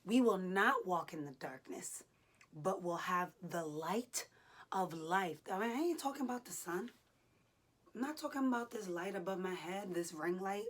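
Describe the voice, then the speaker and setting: A woman's voice: fairly low pitch, animated, normal speed. A woman hosting a motivational faith vlog, exhorting listeners in short, punchy, colloquial phrases. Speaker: host of a faith and fitness challenge. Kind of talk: casual motivational devotional vlog.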